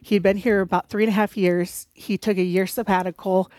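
A woman's voice: mid-range voice, flat delivery, fairly quick, a little mellow, dry recording. A woman from North Dakota with a slight, mixed North Dakota accent, speaking conversationally as a radio interview guest. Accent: North Dakota, mixed with other areas. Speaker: radio show guest, resource center director.

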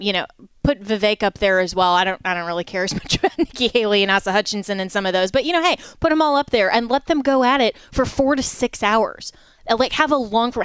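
A woman's voice: mid-range voice, fairly bright tone, smooth, no echo. A woman hosting a call-in talk radio show, chatting with callers and giving her opinions in a conversational way.

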